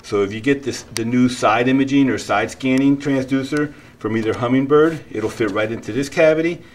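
A man's voice: medium pitch, a little fast. A middle-aged man explaining kayak features in a casual product demonstration, with frequent fillers and restarts, in a large shop. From New Jersey. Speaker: kayak fishing presenter. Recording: roomy shop echo, faint noise.

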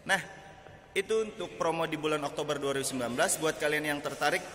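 A man gives an upbeat promotional sales pitch to viewers as a vlog host, mixing in bits of English, recorded on a phone at arm's length in a large showroom. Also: quick pace. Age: 20s. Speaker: car dealership salesman and channel host. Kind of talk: promotional vlog talk to camera. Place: large indoor car showroom. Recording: echoey large showroom with loud ambient noise.

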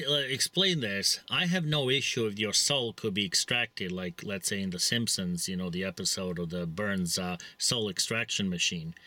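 In a mid-range voice with a sharp tone and no echo, a middle-aged Czech-accented man vlogs from inside a parked vehicle. His casual monologue to a closely mounted front camera is blunt, rambling and preachy, peppered with fillers.

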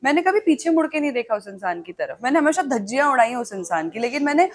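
A woman's voice: high-pitched, big pitch swings, fast. A young woman speaking as an interview guest, candid and emphatic, switching between Hindi and English.

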